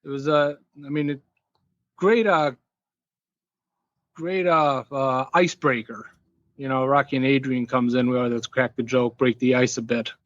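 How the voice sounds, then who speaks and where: A man's voice: medium pitch, fairly even intonation, moderate pace, long pauses, no echo. Easygoing man on a dull, dry line. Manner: easygoing, joking storyteller. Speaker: podcast guest, packaging inventor. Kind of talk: casual interview chat.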